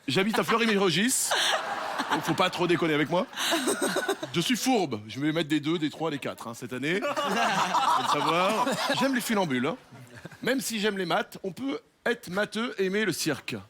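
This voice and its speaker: A man's voice: sits high, sing-song, normal speed, heavy background noise. A man playing a sly, strict male math teacher addressing his class. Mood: bossy.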